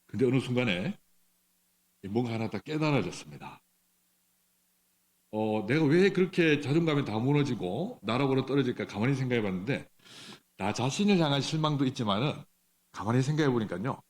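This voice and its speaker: A middle-aged man preaching a sermon in a church, speaking conversationally, asking the congregation questions, with some halting restarts. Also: mid-range voice, expressive. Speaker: pastor. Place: church sanctuary.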